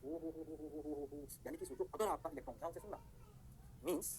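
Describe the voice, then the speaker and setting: A man teaching chemistry in an online lecture, energetic, answering his own questions in a students' voice and stressing points by slow repetition. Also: on the high side, a little hiss or hum. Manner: repeats words slowly for stress.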